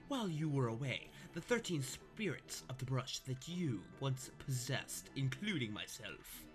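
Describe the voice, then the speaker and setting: A man reading aloud the lines of an ancient male star god, flatly and with small stumbles. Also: medium pitch, a little slow, music in the background. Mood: solemn. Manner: reads the lines flatly, stumbling over words.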